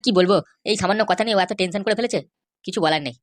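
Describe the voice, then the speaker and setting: A woman's voice: mid-range voice, very fast, natural voice. A woman voicing a worried young cartoon man who rambles on about his girlfriend's family. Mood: grumbling. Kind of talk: cartoon voice acting.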